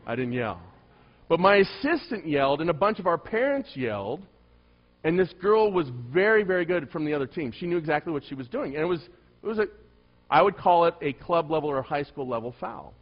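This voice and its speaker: A middle-aged male pastor with a soft voice tells a story during a sermon, swinging between loud emphasis and hushed asides. His voice is a little high, and the audio sounds dull.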